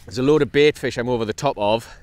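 A fast-talking North East England man with a medium-pitched voice films his sea fishing vlog from a kayak, with no room sound on the recording. The kayak-mounted action camera picks up his upbeat, chatty commentary and the excited bursts when he hooks a fish.

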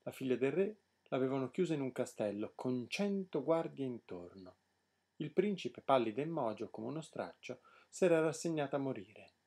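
A man narrates a fairy tale with an expressive, lively storyteller's delivery. His voice is husky and mellow, rising and falling widely. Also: mid-range voice, moderate pace.

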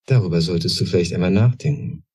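A man voicing a calm, mysterious old woman. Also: low voice, husky, dry recording, studio quality. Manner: calm, quiet, unhurried.

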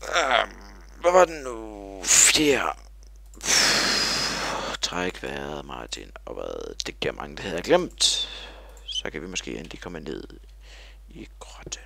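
Low, gravelly man rambling over gameplay. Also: big pitch swings, bright, forceful tone. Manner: rambling and silly, full of fillers. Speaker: gamer. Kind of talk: video game commentary.

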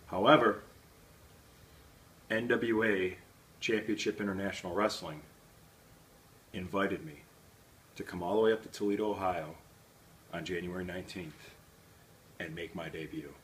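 Man, deep voice, wrestling promo, boastful, confrontational, emphatic pauses, light room noise. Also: a bit bright. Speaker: professional wrestler. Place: small plain indoor room with a banner. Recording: faint background room noise.

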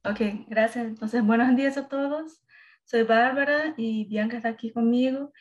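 Female academic presenter, Brazilian Portuguese accent, higher voice, halting Spanish blended with Portuguese. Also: steady tone, highs cut off. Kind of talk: prepared slide presentation. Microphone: video call.

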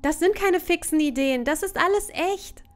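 A woman's voice: very high voice, normal speed, pitched above the performer's own voice. A woman voicing an eager, insistent young woman who hunts ghosts, read aloud during a game playthrough.

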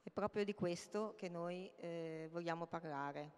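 A woman's voice: lowish voice, a little slow, clear, resonant tone. A middle-aged woman, an artist, presenting her projects at a conference, speaking into a handheld mic with many hesitations. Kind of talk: public talk at a conference. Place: large hall, indoors. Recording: long reverb of a large hall.

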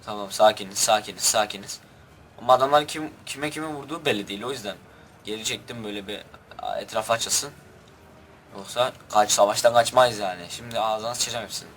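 A man's voice: lowish voice, a little fast, fairly bright tone, a little hiss or hum. A young man giving rowdy, crude commentary over his own gameplay and barking orders at his troops. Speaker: gaming youtuber.

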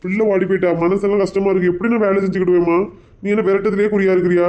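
Brief: a woman putting on a mellow, fast-talking grieving dad, Kanyakumari Tamil accent, dull lo-fi sound. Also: mid-range voice, flat delivery, voice pushed down, lightly acted. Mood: sulky. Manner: pleading, complaining, sulky. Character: grieving soft-hearted father and husband.

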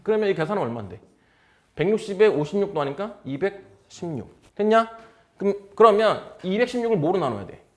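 Male test-prep tutor, blunt and informal, animated pitch, keeps asking students if they follow. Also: a little fast. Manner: drilling with constant check questions. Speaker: exam prep lecturer. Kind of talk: casual math lecture.

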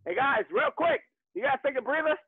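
High-voiced male boxing coach calling combos. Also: expressive, fairly quick, dry recording. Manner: informal, encouraging. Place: online group video class. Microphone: video call. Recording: tinny phone-like video-call audio.

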